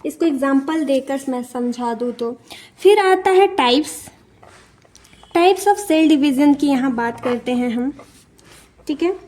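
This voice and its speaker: A woman's voice: high-pitched, animated, slow pace, long pauses, a little mellow. A young woman teaching an exam-prep lesson in a mix of Hindi and English, repeating key terms and often checking in with her listeners.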